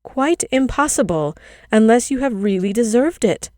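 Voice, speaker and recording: A woman's voice: a little high, animated, normal speed, mellow, no room sound, clean studio sound, pitched above the performer's own voice, close to an everyday voice. A woman voicing a strange, sly village girl who speaks coolly and with superiority in a storybook reading.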